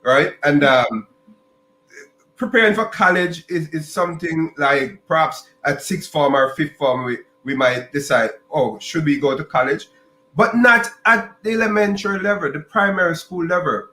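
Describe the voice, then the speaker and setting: A man from Jamaica, hosting a podcast interview and talking in halting bursts with restarts and repeated words. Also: fairly high pitch, bright, forceful tone, roomy sound, poor audio. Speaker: podcast host.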